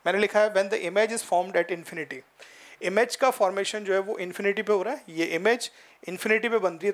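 A physics teacher in his forties with a high-pitched voice lectures into a headset mic in a studio, standing before a projected board. He explains patiently, mixes in English terms and often tells students to look carefully as he gestures and points at the board.

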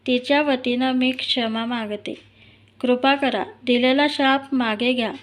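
Woman voicing a gentle pleading princess. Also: sits high, steady tone, unhurried. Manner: earnest, pleading. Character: young princess, gentle and apologetic.

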